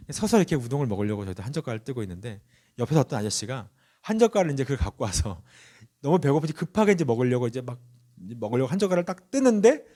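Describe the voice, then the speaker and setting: A male pastor giving a Sunday sermon, speaking earnestly, telling stories and asking the congregation questions. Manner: lively rising and falling pitch.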